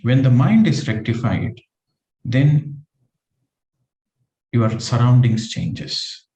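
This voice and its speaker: A man's voice: mid-range voice, slow pace, mellow, roomy sound, low-quality recording. A man giving a spiritual meditation teaching talk, patiently explaining with everyday examples.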